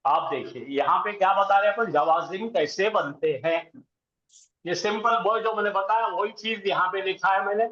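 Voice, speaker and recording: A man's voice: sits high, moderate pace, bright, forceful tone. A man teaching Arabic grammar to a class. He quizzes the students with call-and-response questions and chants verb conjugations in rhythmic lists. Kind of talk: classroom lecture. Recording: roomy, dull lo-fi classroom recording.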